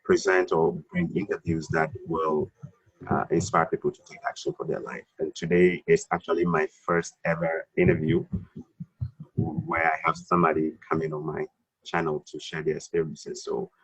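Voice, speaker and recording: A man's voice: very deep voice, normal speed, husky, lo-fi sound. A man hosting his first online interview over a video call, friendly and encouraging. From Africa. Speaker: interview host.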